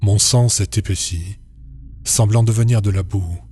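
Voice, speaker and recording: A man narrates a horror story in a deep, low voice. His tone is dark and mellow, and his delivery stays steady and measured throughout.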